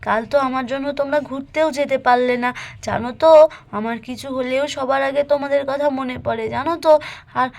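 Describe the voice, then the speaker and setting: A woman voicing a sad young woman staying as a guest in a doll story, speaking softly and from the heart. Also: high voice, fairly even intonation, fairly quick, vocal fry. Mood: grateful. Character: grieving young woman guest, tearful and grateful.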